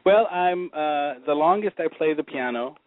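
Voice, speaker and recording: A man's voice: fairly high pitch, expressive, moderate pace, no echo. A man from Germany, a film composer giving a hesitant, thoughtful radio interview full of restarts. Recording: tinny phone-like radio audio.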